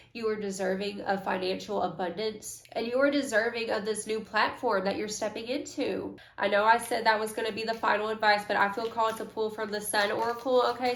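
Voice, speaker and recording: A woman's voice: mid-range voice, reverberant. A young woman giving a casual, slangy, affirming tarot reading to her viewers. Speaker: tarot reader.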